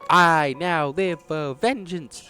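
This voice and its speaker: A man's voice: a little high, takes it slowly, bright, forceful tone, faint music behind, pitched above the performer's own voice. A man voicing a vengeful, bombastic male villain who leads a clan, delivered in a theatrical, declaiming way.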